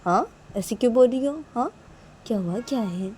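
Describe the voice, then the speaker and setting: Woman doing a fussy mom voice, higher pitch, keeps asking what's wrong over and over. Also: expressive, normal speed, darkish tone, a little hiss or hum, lightly acted. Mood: concerned. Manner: fussy, repeating questions. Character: worried, scolding mother of a young woman.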